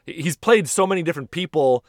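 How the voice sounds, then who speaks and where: A man in his thirties hosting a podcast, an animated storyteller who swears casually. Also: a little high, fast, no echo, clean studio sound. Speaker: podcast host and stand-up comic. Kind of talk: casual chat.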